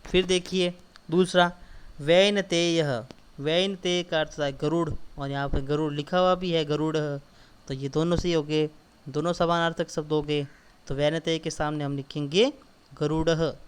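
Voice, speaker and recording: Guy explaining homework answers to kids, fairly high smooth voice, slows right down on the quoted bits. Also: fairly even intonation. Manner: patient, repetitive explaining, addresses children directly; reads quoted lines slowly and louder. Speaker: teacher. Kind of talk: school lesson explaining textbook answers.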